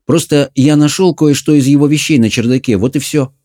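A man voicing an excitable young boy who protests defensively, in an audiobook story. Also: fairly high pitch, brisk, voice pushed up, natural voice. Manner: eager, protesting.

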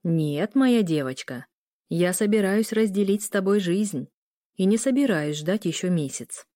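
A woman voicing a calm, teasing male werewolf groom, speaking low and unhurried. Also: dry recording, clean studio sound, natural voice.

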